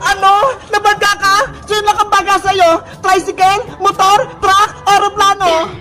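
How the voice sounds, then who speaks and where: A voice actor playing a fussy, worried mother in a cartoon, firing off frantic questions, with loud music behind. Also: very high-pitched, flat delivery, unhurried.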